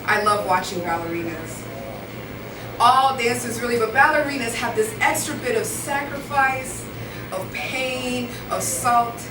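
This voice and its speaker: A woman's voice: a little high, measured pace, background noise. A woman in her twenties from Rwanda, performing spoken word poetry live with an earnest, rhythmic delivery that builds through repetition. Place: indoor live venue. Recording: echoey room, voice from far off, music behind.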